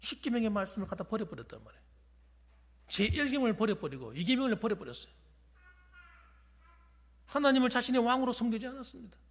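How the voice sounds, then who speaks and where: A man's voice: very high-pitched, expressive, fast talker, pauses often, big-room sound. A pastor preaching a sermon in a church, emphatic and urging his congregation. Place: church sanctuary during a weekday service.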